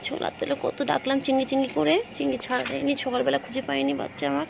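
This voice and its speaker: A woman with a gravelly, creaky voice coos doting baby talk at her cats, repeating pet names and soft commands. Faint noise hums behind her. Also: high-pitched, little pitch movement, rapid-fire. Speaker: pet vlogger.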